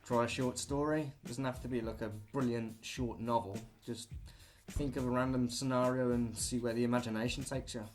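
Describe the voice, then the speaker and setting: A man's voice: mid-range voice, steady tone, normal speed, hardly any pauses, faint music behind. A young British man talking through a list of things to do at home, rambling and jokey with offhand asides. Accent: British English. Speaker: vlogger. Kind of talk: casual listicle monologue.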